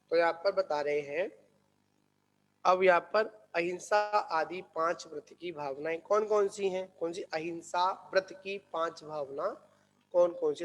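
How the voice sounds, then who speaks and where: A man giving a religious discourse who asks the listeners questions and answers them himself, repeating key words slowly. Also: sits high. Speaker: Jain monk teacher. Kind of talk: scriptural discourse. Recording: echoey hall.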